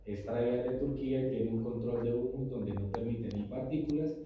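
A middle-aged man who owns a coffee company, answering interview questions in a measured, explanatory way in an office meeting room. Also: mid-range voice, fairly even intonation, muffled recording, a little hiss or hum. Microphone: far camera. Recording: echoey room from far off.

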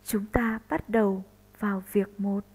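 A woman primary school teacher from northern Vietnam giving a slow recorded lesson for first graders, spelling out sounds deliberately. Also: medium pitch, fairly even intonation, a little mellow, rough recording.

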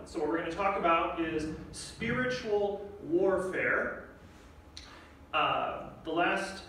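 A man's voice: on the high side, fairly bright tone, a little hiss or hum. A young man preaching as a guest speaker, earnest and direct, asking the congregation questions. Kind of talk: sermon. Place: church sanctuary. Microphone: podium microphone, filmed from far back. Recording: echoey church room from far off.

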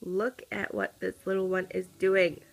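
Softly chatty young woman vlogging. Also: lowish voice, measured pace. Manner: chatty, relaxed, speaks softly to camera. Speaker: family vlogger. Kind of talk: casual home vlog. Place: living room at home, indoors. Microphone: phone at arm's length.

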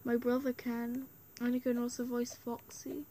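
Rambling high-voiced young girl gamer. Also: little pitch movement, normal speed, mellow, a little hiss or hum. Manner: rambling, many fillers. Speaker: let's play host. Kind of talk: casual gameplay commentary.

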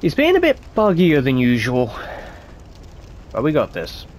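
A stuffy-nosed man talks his way through a game in a slow, unhurried, casual commentary, his pitch jumping about lively as he mutters to himself. Faint game sounds sit quietly behind his voice. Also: a little hiss or hum. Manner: chatty, muttering to himself while playing. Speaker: gameplay commentator. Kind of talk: casual let's-play commentary.

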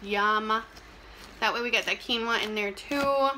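A young woman talks casually to the camera while eating, telling things in an animated way between bites. Her voice is fairly high and very bright, with a sharp edge. There is clear noise behind her in a simple indoor recording. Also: measured pace, low-quality recording. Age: young adult. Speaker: mukbang vlogger. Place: small plain indoor room. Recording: clear background noise, clicks.

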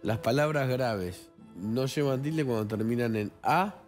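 A man's voice: mid-range voice, faint music behind. A man with an Argentine accent, a TV news anchor, chatting casually and cracking jokes. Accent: Argentine Spanish. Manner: joking, quick interjections. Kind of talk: casual studio banter.

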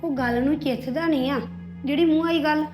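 A woman's voice: high-pitched, a little fast, a little mellow, faint music behind, natural voice. A woman playing a worried young married woman in a family drama, talking earnestly and confidingly. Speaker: sister-in-law Preeti. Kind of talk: Punjabi family drama acting.

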